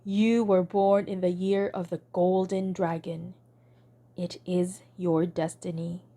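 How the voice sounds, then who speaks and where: Woman reading a calm serious magic warrior from a storybook, slow and steady. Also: on the low side. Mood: solemn. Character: solemn magical warrior giving a quest.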